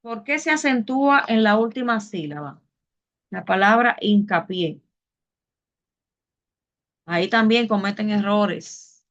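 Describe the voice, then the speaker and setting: A woman's voice: medium pitch, lively intonation, slow, pauses often, fairly bright tone, dull audio. A woman teaching a class, explaining patiently step by step and asking her students questions. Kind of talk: online Spanish class.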